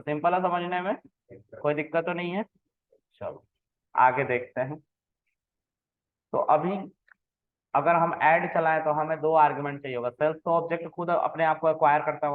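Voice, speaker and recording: A man teaching programming in a relaxed way, explaining code step by step and often checking that the listener follows. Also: on the high side. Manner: conversational, keeps checking in with the listener. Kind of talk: explaining code while typing. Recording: tinny phone-like sound.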